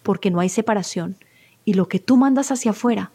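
A woman's voice: mid-range voice, brisk, dark tone, slightly rough. A middle-aged woman, a spiritual therapist, speaks as an interview guest and tells personal stories in an earnest, heartfelt way. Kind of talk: interview conversation, personal storytelling.

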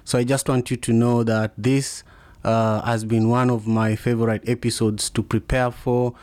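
A man's voice: medium pitch, flat delivery, moderate pace, a little mellow, no room sound. Kenyan guy w strong accent, luo and swahili speaker, chatting as podcast host, dry close sound. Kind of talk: casual conversational interview.

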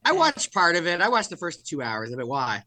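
Male podcast guest; playful, teasing, lively pitch. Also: a little fast. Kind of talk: casual chat.

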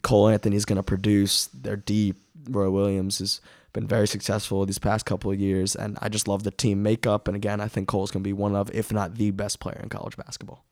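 A man hosting a casual sports preview podcast, his voice raspy as he is under the weather with a cough. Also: on the low side, completely flat delivery, brisk, darkish tone, no echo, clean studio sound.

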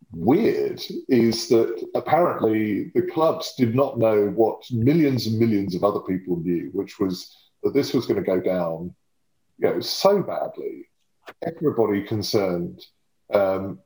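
A man in his fifties speaks in a low voice with a home counties English accent. He talks conversationally as an interview guest, articulate but often hedging and correcting himself, and the room around him sounds echoey. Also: dark tone. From Surrey, England. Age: 50s. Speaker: interview guest, lobbying and communications professional.

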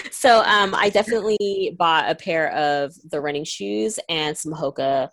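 Blunt, low-voiced woman chatting. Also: measured pace, no echo. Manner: blunt and profane, offhand. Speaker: podcast co-host. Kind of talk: casual chat.

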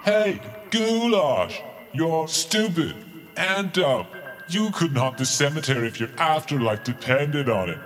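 A high, sneering ghost bully, drawling his insults slowly. His voice rings out with a long hall-like reverb, and faint music plays underneath. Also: big pitch swings, a bit bright. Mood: taunting. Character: mocking rival ghost, male, taunting.

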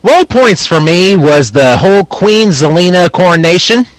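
A man's voice: sits high, lively intonation, normal speed, no echo. A man co-hosting a podcast, giving blunt opinions in casual wrestling chat. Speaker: podcast co-host.

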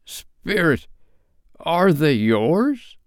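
A man voicing an old miserly man, asking anxious, slow, imploring questions. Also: fairly high pitch, sing-song, clean tone, no echo, studio quality, voice pushed up, full character voice. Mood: fearful.

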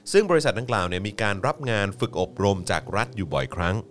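A man's voice: on the low side, big pitch swings, fast. A man hosting a casual political talk show, reading out news items with polite particles. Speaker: host.

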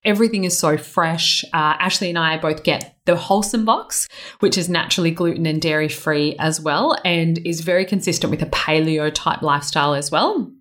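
Woman, Australian accent, low voice, podcast host, informal conversational sponsor message. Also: normal speed, fairly bright tone. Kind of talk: informal ad read.

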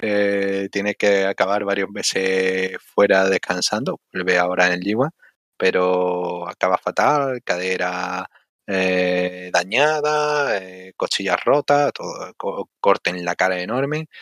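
Low-voiced man casually talking wrestling, dry sound. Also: a bit bright, no room sound. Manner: halting, thinking aloud with frequent tag questions. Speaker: wrestling podcast host. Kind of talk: casual sports discussion.

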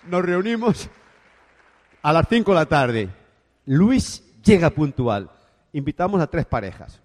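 A man telling a business anecdote, animated and acting out the dialogue with sound effects. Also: high voice, in a large hall. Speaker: speaker telling his business story. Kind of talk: anecdotal motivational talk.

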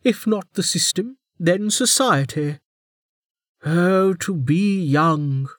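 A man putting on a very old, imperious female warden, pitched well above his normal voice and drawling with slow, mocking emphasis. She sounds teasing and sardonic, delivered in a close, dry audiobook read. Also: fairly bright tone, dry recording, heavily acted. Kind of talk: audiobook character voice.

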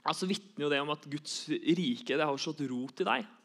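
A man's voice: fairly high pitch, creaky, a bit bright. A young man giving an earnest sermon, repeating key phrases for emphasis. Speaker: preacher.

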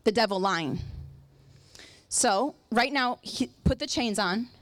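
A woman preacher with a high voice talks through a sermon illustration. She is emphatic and circles back on phrases to drive them home. The sound is dry, with little room on it. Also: takes it slowly, no room sound.

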